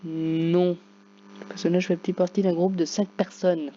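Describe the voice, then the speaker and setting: Woman gamer host, lowish voice, playful running commentary with loud bursts; dull lo-fi recording. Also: level tone, measured pace. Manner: reads game questions aloud, jokey, outbursts. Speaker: gaming YouTuber. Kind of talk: casual gameplay commentary. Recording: dull lo-fi recording with faint hum.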